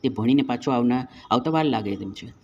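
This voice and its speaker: A man's voice: medium pitch, brisk, darkish tone, dull audio, a little hiss or hum, lightly acted. A man voicing a poor old Brahmin man who speaks plainly and earnestly.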